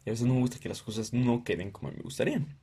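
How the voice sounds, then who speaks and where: A man's voice: medium pitch, fast talker, breathy edge. A young Mexican man hosting his podcast, ranting with lots of swearing and doing exaggerated voices of other people. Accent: Mexican Spanish. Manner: profane, ranting, animated impressions of others. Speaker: podcast host. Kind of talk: casual comedic monologue.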